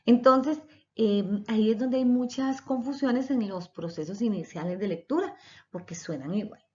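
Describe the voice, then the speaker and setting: A woman's voice: a little high, moderate pace, dark tone. A woman teacher giving a recorded lecture, explaining step by step and sounding out letters and syllables. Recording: dull lo-fi recording.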